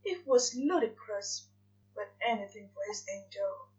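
A woman reading fanfiction aloud in soft, measured narration. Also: a little high. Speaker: fanfiction reader. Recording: dull lo-fi recording.

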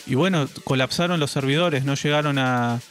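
A man chats through gaming news at a middle pitch. He sounds relaxed and hesitant and keeps repeating words as he goes. Faint music plays under his voice. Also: moderate pace. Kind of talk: casual gaming news chat.

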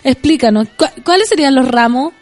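High-pitched chilean girl hosting a show, jokey and slangy, soft music underneath. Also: animated. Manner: joking, quick and chatty with slang. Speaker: show host. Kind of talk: casual chat reading tweets.

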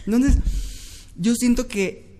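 A young man with a Mexican accent chatting casually, slangy, jokey and animated. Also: extremely high pitch, slow pace, a crowd in the background. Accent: Mexican Spanish. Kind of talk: casual chat.

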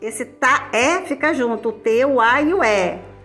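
A woman's voice: a little high, expressive, measured pace, fairly bright tone, faint music behind. A Brazilian woman teacher with a Brazilian Portuguese accent, explaining a lesson step by step in a chatty way, often checking in with her students. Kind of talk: casual recorded lesson for students.

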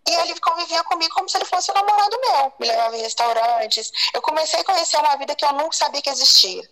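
A woman's voice: high voice, lively intonation, fast talker, bright, forceful tone, poor audio. A woman, telling a personal story as an interview guest, repeating phrases and acting out other people's words. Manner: repeats phrases, acts out quoted dialogue. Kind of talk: emotional personal confession.

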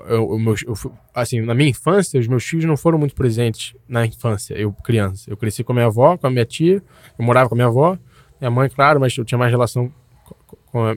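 A man's voice: mid-range voice, no echo. A young man, telling a personal story in a loose, slangy way, full of restarts and tags. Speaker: guest.

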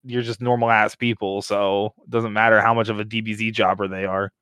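A man's voice: lowish voice, little pitch movement, a little fast, a bit bright, smooth, no echo. A young man in casual group chat, talking in a slangy, sweary frat-bro way. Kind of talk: casual group chat about games and anime.

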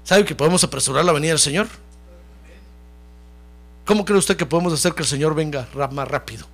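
A man's voice: a little high, a little fast, fairly bright tone. A man preaching a sermon as pastor, talking straight to the congregation, calling them brother and having them repeat phrases after him.

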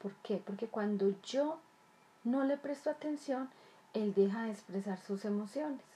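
Earnest woman, mellow voice. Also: on the high side, unhurried. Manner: repetitive, earnest, rhetorical questions. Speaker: child development speaker. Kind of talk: explanatory talk to parents.

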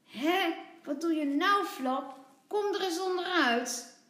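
A woman voicing a little girl playing nurse, bossy and caring, in a bright, eager storybook voice. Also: high-pitched, sing-song, slow, reverberant, pitched above the performer's own voice, full character voice. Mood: fussing.

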